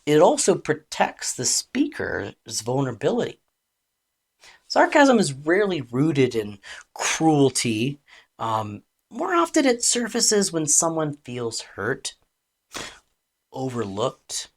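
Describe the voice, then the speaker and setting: Female relationship coach: low, gravelly voice, calm and deliberate teaching delivery. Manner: calm, deliberate explaining with expressive emphasis. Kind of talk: measured educational talk.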